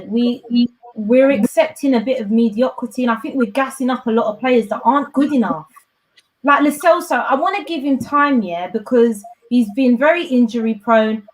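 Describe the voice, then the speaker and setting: High-voiced exasperated woman pundit. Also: low-quality recording. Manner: animated, exasperated, laughs a lot. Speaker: football pundit. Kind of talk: casual panel chat.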